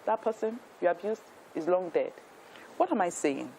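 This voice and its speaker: A woman's voice: fairly low pitch, animated, normal speed, warm tone, a little hiss or hum, low-quality recording. A Nigerian woman in her fifties, a talk show guest telling her life story in an earnest, emphatic way, with frequent restarts. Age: 50s.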